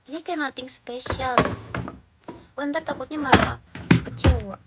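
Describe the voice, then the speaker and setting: A woman chats casually with her livestream viewers. Her voice is on the high side, and she talks in slangy, blunt banter. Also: a little slow, heavy background noise.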